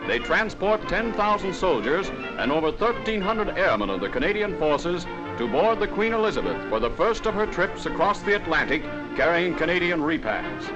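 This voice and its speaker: A man delivers old newsreel narration in a brisk, formal announcing manner. His voice sits somewhat high and swings in lively rises and falls. The dull, lo-fi soundtrack carries clear music beneath him.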